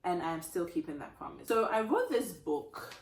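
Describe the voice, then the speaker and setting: A woman from Ghana, an attorney and author in her thirties, giving an earnest motivational talk with a slightly croaky voice. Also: lowish voice, very animated, normal speed. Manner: earnest, emphatic, repeats phrases for emphasis. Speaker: attorney and author, channel host. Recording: echoey room.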